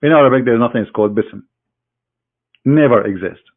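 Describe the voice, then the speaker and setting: A man's voice: medium pitch, fairly quick. Scornful man on tinny, phone-like audio. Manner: scornful, sarcastic, addressing an opponent directly. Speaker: religious critic presenting a screen demonstration. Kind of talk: mocking screen-share lecture.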